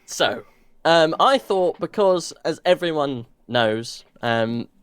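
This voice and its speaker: Playful, lively-voiced man co-hosting a podcast. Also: on the high side, slow pace, clear, resonant tone, dry recording. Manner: jokey, playful, swears casually. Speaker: podcast co-host. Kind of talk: casual podcast chat.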